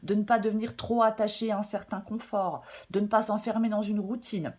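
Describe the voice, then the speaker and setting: A slightly hoarse woman giving a casual, chatty weekly tarot reading, with many fillers and some throat clearing. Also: mid-range voice, fairly even intonation, a little fast, a little mellow. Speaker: tarot reader.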